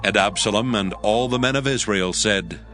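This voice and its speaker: Low-voiced man narrating scripture. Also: normal speed, a bit bright. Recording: faint music bed.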